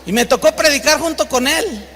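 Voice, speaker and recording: A man's voice: very high voice, normal speed, pushed and bright, long reverb tail, slight background noise. A man with a Mexican Spanish accent preaching an emphatic sermon as pastor, acting out the voices in his stories.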